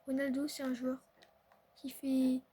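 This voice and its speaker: A young woman chatting excitably to her viewers while playing a football video game. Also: high-pitched, unhurried, breathy edge. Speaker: gaming streamer. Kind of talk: casual live commentary on a football video game.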